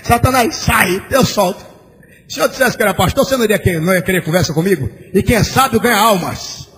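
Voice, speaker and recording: High-voiced preaching man, shouting in a reverberant church. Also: fast, soft background music. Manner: preaching with sudden shouts and sing-song cadence, acting out dialogue. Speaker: pastor. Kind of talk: sermon. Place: large church. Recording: old church recording with long hall reverb and faint hiss.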